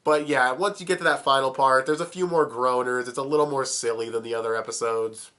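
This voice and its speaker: Stuffed up and under the weather, a young video reviewer talks casually about a cartoon, swearing and chuckling. He keeps a steady tone in a mid-range voice, slightly quick, pushed and bright.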